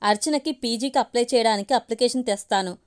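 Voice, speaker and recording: A woman voicing an earnest young man, a concerned friend who speaks gently and persuasively. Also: a little high, fast talker, natural voice.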